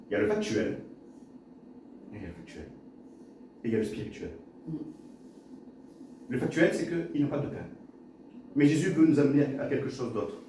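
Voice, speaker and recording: A man's voice: a little high, mellow, a little hiss or hum. A man preaching a sermon as pastor, repeating his phrases and stammering now and then. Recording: echoey hall from a distance.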